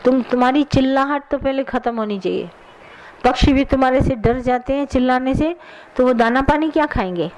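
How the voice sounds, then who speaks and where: A woman's voice: high voice, a little fast, a little mellow, low-quality recording. A woman spiritual teacher giving a satsang sermon, earnest and admonishing, answering questions from the audience directly.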